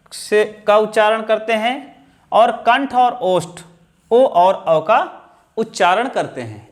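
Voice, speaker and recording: A man teaching a grammar lesson, explaining step by step and repeating key terms. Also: high-pitched. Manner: slow, explaining step by step with counted lists.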